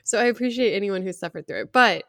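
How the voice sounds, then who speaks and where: A young adult woman with vocal fry, chatting casually as a podcast co-host in a wry, self-deprecating way. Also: medium pitch, lively intonation, fast talker, fairly bright tone, dry recording, clean studio sound.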